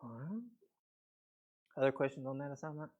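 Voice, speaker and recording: A man's voice: medium pitch, normal speed, a little mellow, muffled recording. A man teaching a math class, explaining step by step in a casual way with frequent okays, his voice a bit weak and a peppermint in his mouth. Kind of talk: classroom lecture.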